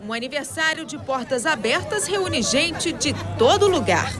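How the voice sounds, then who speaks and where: A Brazilian woman narrates a scripted feature report with an expressive delivery. Her voice is high and swings widely in pitch. A prominent music bed plays under the voice-over. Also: unhurried. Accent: Brazilian Portuguese.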